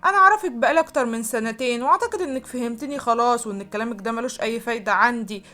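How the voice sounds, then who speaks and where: A woman's voice: on the high side, rapid-fire, pushed and bright. A woman voicing an arrogant young male boss, curt and cold, with an Egyptian accent. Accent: Egyptian Arabic.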